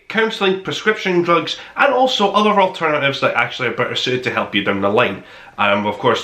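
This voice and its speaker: A man hosting a review podcast delivers a conversational top-five monologue to his listeners, emphatic and enthusiastic. His voice is on the high side, pushed and bright, in an echoey room.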